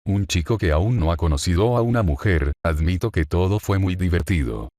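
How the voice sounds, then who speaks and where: A man's voice: low-pitched, animated, moderate pace, darkish tone, dry recording, studio quality. A man voicing a cruel, taunting female fallen angel in a fan story reading, in a mocking, gloating manner.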